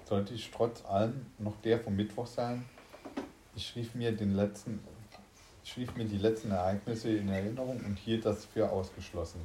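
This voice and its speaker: Low-voiced man reading aloud in an echoey room. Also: steady tone, normal speed, mellow, a little hiss or hum. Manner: unpolished reading with slips and restarts. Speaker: story reader. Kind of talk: reading a science fiction story aloud.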